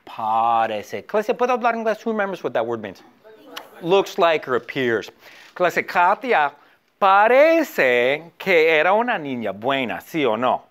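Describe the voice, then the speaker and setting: A man teaching a beginner language class through a story, animated and prompting students to repeat after him. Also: fairly high pitch, a little slow. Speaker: Spanish teacher.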